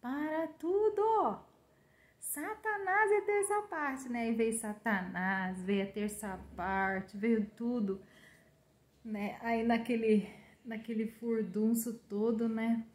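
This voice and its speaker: Brazilian woman, informal prophetic preacher, chatty, slightly high voice. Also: slow, roomy sound. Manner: chatty, keeps adding "né?", often laughs. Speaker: religious preacher. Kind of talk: informal prophetic sermon to online followers.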